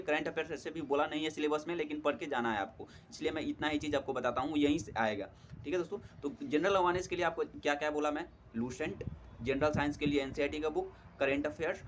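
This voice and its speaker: A man's voice: fairly high pitch, a little hiss or hum. A young man giving friendly, casual study advice as a tutor, often addressing listeners as friends and using many fillers. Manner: friendly, repeats "theek hai doston", many fillers. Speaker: exam prep tutor.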